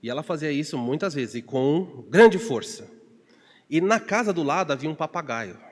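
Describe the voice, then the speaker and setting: A man preaching a Bible study as pastor, telling stories with digressions and humor and acting out shouted calls with big pitch jumps. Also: lively intonation, normal speed, in a large hall. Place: church.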